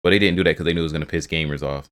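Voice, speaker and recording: A man with a low voice reacts to news in a rapid stream of casual commentary. He swears freely, trails off and restarts his sentences as he goes. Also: fairly even intonation, a bit bright. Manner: rambling, profane, restarts a lot. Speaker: video host reacting to game news.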